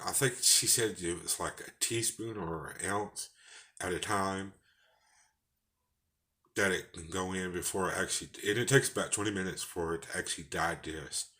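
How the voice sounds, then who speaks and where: Man, Texas twang, very low voice, bright forceful tone, rambling casual vlog talk. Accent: Texan. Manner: rambling, folksy, with false starts. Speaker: vlogger.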